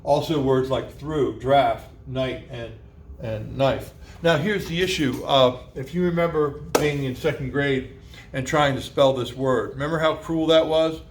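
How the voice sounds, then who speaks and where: A man's voice: medium pitch, a little slow. A man teaching a class, lecturing in a conversational way with lots of fillers and rhetorical questions, spelling words out letter by letter. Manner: spells words out letter by letter and sounds out old pronunciations.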